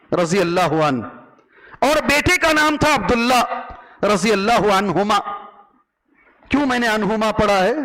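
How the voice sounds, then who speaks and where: Male preacher giving a sermon, high bright voice, asks the crowd stuff then answers it himself. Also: low-quality recording. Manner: lively, asks the audience questions and answers himself; often drops into a lower voice then rises again. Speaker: Islamic preacher. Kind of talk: sermon to a live audience.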